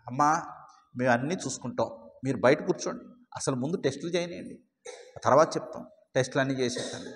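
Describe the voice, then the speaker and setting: A man playing a calm, soothing doctor. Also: medium pitch, fast talker, long reverb tail, voice pushed down, lightly acted. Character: calm male doctor reassuring a worried family.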